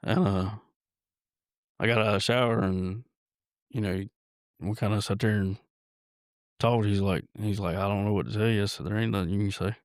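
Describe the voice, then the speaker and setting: A man, a podcast guest telling a personal story in a halting way, with many restarts and fillers. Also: fairly low pitch, steady tone, no room sound, studio quality.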